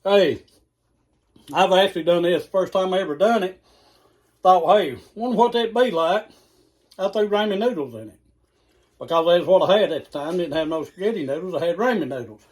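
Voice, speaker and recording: A man's voice: high-pitched, animated, moderate pace, long pauses. A man hosting a casual cooking video in a home kitchen, folksy and chatty, talking straight to his viewers. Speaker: cooking channel host.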